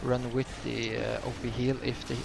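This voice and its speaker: Male gamer, nasal with a noticeable lisp and vocal fry, hesitant casual guide commentary over clearly noisy audio with typing. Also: mid-range voice, flat delivery, moderate pace. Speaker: gamer giving a healer guide. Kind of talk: casual game walkthrough commentary. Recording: clear background noise, keyboard typing.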